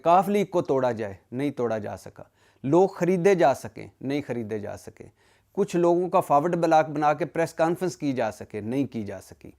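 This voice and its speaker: A man's voice: on the high side, darkish tone. A man giving solo political analysis, indignant and emphatic, firing rhetorical questions and lists and often cutting off and correcting himself. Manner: frequent self-corrections and cut-off words. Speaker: political commentator.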